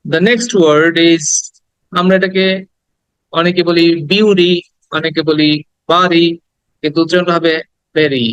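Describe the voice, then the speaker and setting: Man, pronunciation teacher, higher-pitched voice, dry close sound, slow repeated drilling. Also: level tone, smooth, no room sound, lo-fi sound. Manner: drills words slowly, asks listener to repeat. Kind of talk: spoken English pronunciation lesson.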